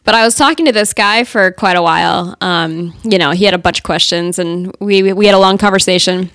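A woman's voice: on the low side, brisk, a bit bright, dry recording, studio quality. A woman from the United States in a casual podcast chat, telling a personal anecdote in a chatty way.

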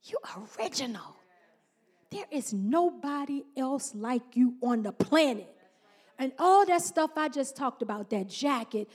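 Lady pastor preaching, real high voice, drags out the big words, lots of come on y'all. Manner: preaching with call-and-response, drawn-out emphasis. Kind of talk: sermon.

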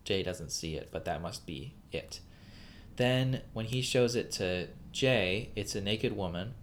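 A man's voice: fairly low pitch, a little slow, a little hiss or hum. A man co-hosting a casual podcast about a film, rambling with many fillers and restarts. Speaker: podcast co-host.

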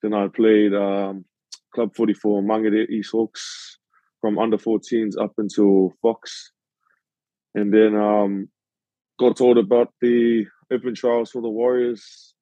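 Guest interviewee: New Zealand man, 20s, low mellow voice, halting and humble delivery, dull dry lo-fi sound. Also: little pitch movement, no echo. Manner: hesitant, many fillers, modest. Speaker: rugby league player, guest. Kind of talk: casual podcast interview.

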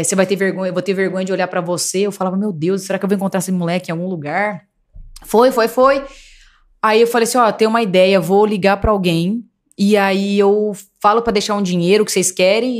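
A young woman from Brazil, a podcast guest, telling a story casually and acting out the voices of the people in it. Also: medium pitch. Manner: animated, acts out quoted voices.

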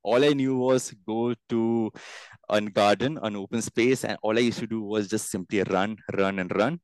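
A man's voice: lowish voice, steady tone, normal speed, smooth, no room sound, poor audio. A man with an Indian accent giving earnest, emphatic conversational answers as an interview guest, often repeating phrases for stress. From India, grew up in Bangalore and Bombay. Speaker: fitness entrepreneur and coach, interview guest.

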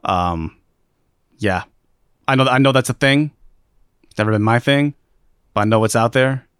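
A man's voice: mid-range voice, normal speed, a bit bright, clear, resonant tone, no echo, clean studio sound. A man co-hosting a live stream, chatting casually in rambling, joking rants full of fillers. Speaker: stream co-host. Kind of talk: casual chat.

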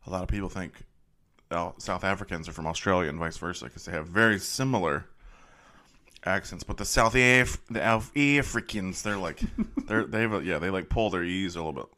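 A man with a notably low, deep voice co-hosting a casual movie podcast. He sounds laid-back and drops in jokes as he chats. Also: a little fast, sharp tone. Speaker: podcast co-host.

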